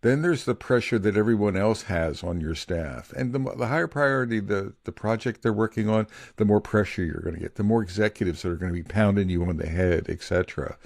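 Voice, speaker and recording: A man's voice: fairly low pitch, fairly quick, vocal fry, few pauses, dry recording. A middle-aged man co-hosting a podcast on leadership, talking candidly and in a rambling way, sometimes getting feisty, close to the mic at home. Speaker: podcast co-host. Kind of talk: casual podcast chat. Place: home office.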